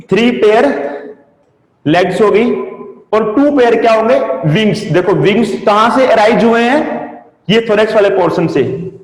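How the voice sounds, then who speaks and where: A man's voice: high voice, a little mellow. A man teaching a lecture, explaining step by step and asking and answering his own questions, mixed in. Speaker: agriculture entomology teacher. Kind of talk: classroom lecture. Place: coaching classroom. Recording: echoey classroom with long reverb.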